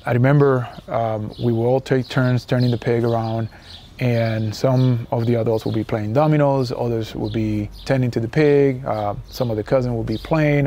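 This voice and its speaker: A man's voice: mid-range voice, mellow, slight background noise. A man in his forties from Puerto Rico with a Puerto Rican accent, explaining a recipe step by step in an easygoing way, with lots of fillers, outdoors on a patio with a lapel mic. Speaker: cooking demonstrator. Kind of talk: casual cooking demonstration. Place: outdoor patio beside a house.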